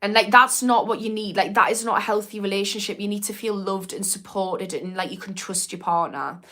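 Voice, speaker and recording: Frank and chatty with frequent "like" fillers, a woman in her thirties reads viewers' comments and offers advice on her mindset livestream, drawing on her past as a therapist. She's from Newcastle, England, with a mild local accent, and her medium-pitched, slightly bright voice runs a little fast.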